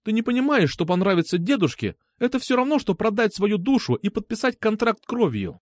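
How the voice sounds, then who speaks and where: A furious young woman, put on by a male narrator, snaps and yells in a high, shrill voice. Her outbursts swing widely up and down, full of scorn. The sound is close and dry. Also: wildly swooping pitch, a little slow, dry recording, full character voice. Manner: shrill, exasperated shouting. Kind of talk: audiobook character voice.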